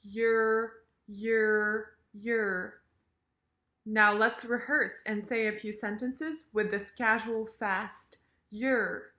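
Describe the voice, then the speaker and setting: A woman teaching pronunciation as an accent coach, slowly drilling sounds with many repetitions. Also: fairly high pitch, bright, forceful tone, roomy sound. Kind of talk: pronunciation lesson.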